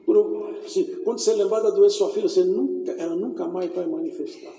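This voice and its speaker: A middle-aged man with a Brazilian accent preaching a testimony sermon, swinging between shouted praise and low, intimate talk. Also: quick pace, creaky, faint music behind. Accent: Brazilian Portuguese. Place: church hall. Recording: echoey hall, dull lo-fi sound.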